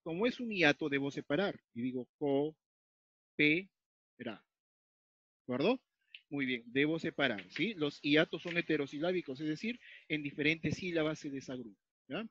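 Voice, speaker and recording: A man from Peru walks a class through a grammar lesson, repeating each rule and pausing to check that everyone is following. His voice sits a little high for a man. The recording is dull and dry, with no room echo. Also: animated, a bit bright, breathy edge. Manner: explains step by step, repeats key points, checks in with frequent "¿ya?". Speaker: teacher. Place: at a whiteboard or tablet, writing as he talks.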